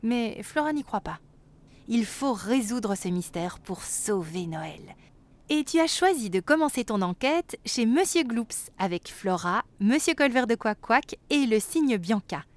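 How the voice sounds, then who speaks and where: Lively woman telling a children's story. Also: fairly high pitch, measured pace. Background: background music.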